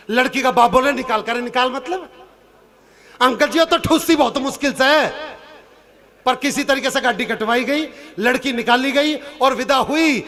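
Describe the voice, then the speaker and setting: A man telling a comic story on stage at a poetry gathering. He acts out the characters and shouts some of their lines. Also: very high-pitched. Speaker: stage poet. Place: outdoor stage event with audience laughter.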